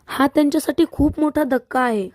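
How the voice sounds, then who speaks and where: A woman voicing a calm, cautious woman doctor giving advice, in a spoken serial recap. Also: sits high, brisk, no room sound, clean studio sound, voice pushed up, natural voice. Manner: calm, advising.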